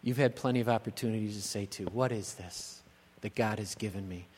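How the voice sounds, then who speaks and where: A middle-aged man, a pastor, preaching a sermon in a church, slow and emphatic, building on repeated rhetorical questions. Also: on the low side, a little mellow, breathy edge. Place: church sanctuary. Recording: long church-hall reverb.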